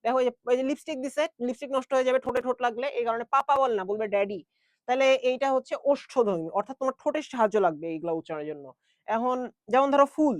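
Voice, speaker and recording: A man's voice: very high-pitched, no room sound, studio quality. A young man teaching an online class in a chatty way, with jokey asides and English words mixed in.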